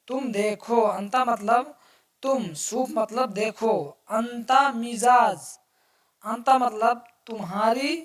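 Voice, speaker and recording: Slow, patient woman teaching phrases. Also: on the high side. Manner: repeats each phrase and glosses it word by word. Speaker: language teacher. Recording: voice distant from the mic.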